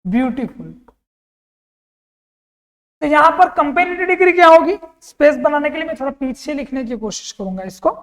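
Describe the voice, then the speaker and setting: A high-voiced man teaches an exam-prep grammar lesson. He keeps asking the class questions and answering them himself. His voice rings out with a long reverb, as if in a hall. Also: expressive, moderate pace, pauses often, fairly bright tone.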